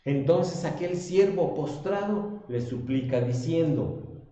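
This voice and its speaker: A man's voice: on the high side, expressive, takes it slowly, dark tone, slight background noise. A man teaching a Sunday school Bible lesson, reading scripture aloud and asking the class questions. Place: church classroom. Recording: echoey, dull church room recording.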